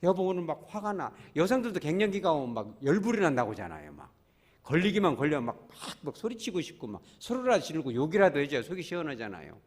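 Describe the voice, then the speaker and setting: A man's voice: fairly high pitch, fast talker, slightly rough. A man preaching a Sunday sermon as pastor, acting out prayers and little scenes and calling the congregation to join in. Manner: animated preaching with acted-out quotes and congregation prompts. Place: church sanctuary.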